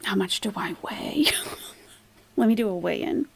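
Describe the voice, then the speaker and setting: With vocal fry and a husky edge, a woman livestreams casual commentary, stressing her points to viewers and asking rhetorical questions. She talks a little slowly at a medium pitch, and her delivery is expressive.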